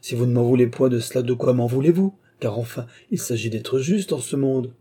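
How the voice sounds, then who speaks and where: A man voicing an aging, indulgent king in an audiobook, soft and placating. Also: mid-range voice, lively intonation, normal speed, slightly rough. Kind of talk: audiobook character reading.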